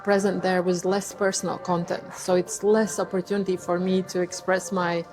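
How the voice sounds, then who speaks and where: A young woman hosting an interview, reflective and quick to laugh in casual conversation. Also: on the low side, level tone, over music, low-quality recording. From Latvia. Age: young adult. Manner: warm, reflective, laughs easily. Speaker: host.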